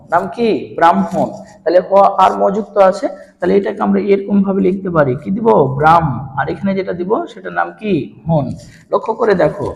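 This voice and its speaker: A man's voice: high-pitched, gravelly, a little mellow. A man teaching a pronunciation lesson, asking questions and answering them himself. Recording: roomy hall with long reverb.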